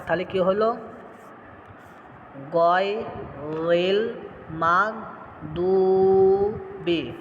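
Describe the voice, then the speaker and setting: A man teaching correct pronunciation of a recitation, explaining quickly and then drawing syllables out slowly. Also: sits high, long reverb tail, muffled recording, a little hiss or hum. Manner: explains at speed, then stretches syllables slowly and chants them. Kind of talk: tutorial on pronunciation.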